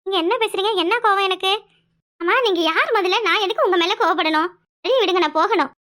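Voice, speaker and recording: A stern young village woman with a southern Tamil accent in a cartoon. Her voice is very high and bright, and she talks rapidly and curtly. She is dutiful and scolds easily. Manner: curt, sharp-tongued, scolding. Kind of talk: cartoon voice acting.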